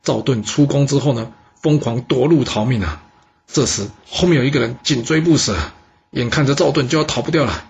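A man telling a history story in a lively, chatty way. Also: mid-range voice, vocal fry, slightly rough. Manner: lively, chatty, drawn-out particles. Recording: dull lo-fi recording.

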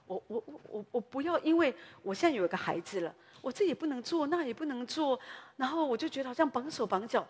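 A woman pastor preaches in a fairly high, husky voice. She tells stories in a chatty way, dropping little tag particles as she goes. Her voice rings out with a long reverb, as in a church hall. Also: animated, quick pace, a little mellow. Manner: conversational storytelling, frequent tag particles. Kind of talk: sermon.

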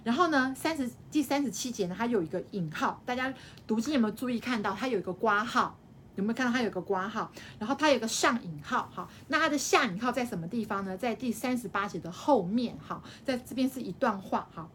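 Higher-voiced woman teaching scripture. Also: lively intonation, fast, slight background noise. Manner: explains by repeating phrases, tags sentences with a soft "ha". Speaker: Bible study teacher. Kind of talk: live-streamed Bible study teaching.

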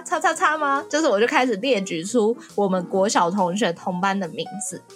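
A young adult woman from Taiwan, co-hosting a podcast and telling a story in casual, animated chat. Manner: lively, animated storytelling with rising excited pitch. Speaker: podcast co-host.

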